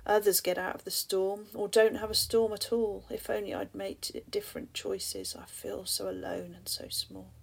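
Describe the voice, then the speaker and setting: Husky, gravelly woman reading poetry. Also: medium pitch, lively intonation, moderate pace, hardly any pauses. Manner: soft, often breathy half-whisper, addressing the listener with reflective questions. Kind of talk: spoken-word poetry reading.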